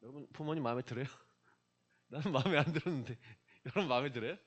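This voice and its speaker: A man's voice: medium pitch, fast talker, dull audio. A middle-aged man preaching to young people in a church, talking casually and putting questions straight to his listeners. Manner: conversational, questions the listeners directly. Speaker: pastor.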